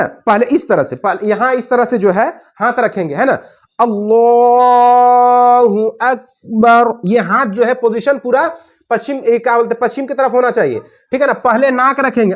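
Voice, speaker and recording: A woman giving a patient religious lesson, showing each step as she goes. She keeps asking her listeners to repeat after her. She stretches the Arabic prayer phrases into long, slow recitations. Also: on the high side. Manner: moves through prayer postures while talking. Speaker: religious teacher. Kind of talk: prayer instruction with demonstration.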